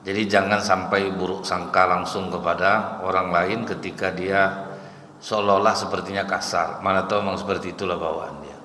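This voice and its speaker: Deep-voiced man preaching in an echoey hall. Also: bright, forceful tone, slight background noise. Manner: folksy storytelling, addressing the congregation as sir and madam. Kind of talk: sermon. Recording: echoey hall with faint ambience.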